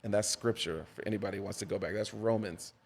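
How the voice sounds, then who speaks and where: A man's voice: fairly low pitch, quick pace, gravelly, a little hiss or hum. A man, a pastor and podcast guest, telling personal stories in a conversation with a preacher's cadence and lots of repetition for emphasis. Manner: animated storyteller, preacher's cadence, repeats for emphasis. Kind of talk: conversational storytelling interview.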